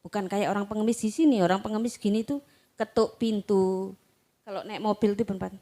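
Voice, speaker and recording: An Indonesian woman preacher who reads scripture slowly and emphatically, then retells the story in a chatty sermon style, acting out the quotes. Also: mid-range voice, steady tone, dark tone. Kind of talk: sermon with Bible reading.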